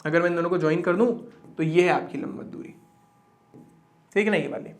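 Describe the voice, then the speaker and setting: A man's voice: fairly high pitch, fairly quick. A young man teaching a physics lesson at a board, chatty, asking and answering his own questions and repeating words for emphasis.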